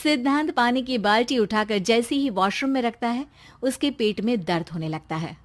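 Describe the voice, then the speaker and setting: A woman's voice: fairly high pitch, normal speed. A woman narrating a storybook tale in a plain storytelling manner.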